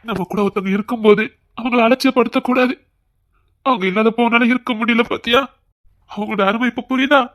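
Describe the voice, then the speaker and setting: A woman with a Tirunelveli Tamil accent playing a family elder who calmly consoles and scolds a crying relative in a comic skit. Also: fairly high pitch, fairly quick, pauses often, lightly acted. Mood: consoling.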